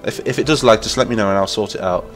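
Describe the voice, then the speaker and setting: With faint music behind him, a man from Lincolnshire, England, fires off rapid speech in a voice on the low side. He's nasal from a cold and speaks with an English accent, rambling enthusiastically through casual gaming-stream chat and reading messages aloud.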